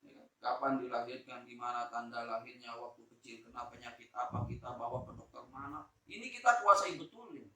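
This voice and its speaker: A man from Lombok giving a Quran exegesis lecture to teachers, shifting between loud emphasis and soft asides, and drawing out Arabic words slowly. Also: mid-range voice. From Lombok, Indonesia. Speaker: Islamic teacher. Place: school hall, indoors. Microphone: phone camera recording. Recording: echoey room, distant phone mic.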